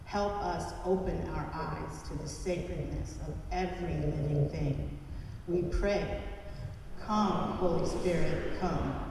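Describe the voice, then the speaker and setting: A woman's voice: low voice, slow, background noise. A woman leading a recited church prayer in a solemn, chanted cadence with repeated refrains, heard through a cathedral echo. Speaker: prayer leader at a church service. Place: large church. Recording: cavernous church reverb from a distant mic.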